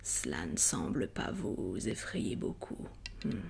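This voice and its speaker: A woman's voice: rumbling low, huge pitch swings, slow pace, creaky, a little mellow, slight background noise, heavily acted. A woman playing a menacing, haughty wicked witch in a whispered ASMR roleplay, drawing out her probing words. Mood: sly, probing.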